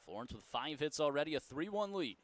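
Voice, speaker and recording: A man calling baseball play-by-play in a folksy, joking way, and he gets loud when the big plays come. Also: a little high, sing-song, a little fast. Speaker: play-by-play announcer.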